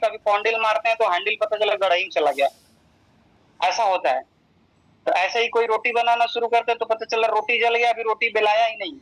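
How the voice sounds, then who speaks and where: Bright high-voiced man teaching. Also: poor audio. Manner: plain, repeats key points, checks understanding. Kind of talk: spiritual lesson.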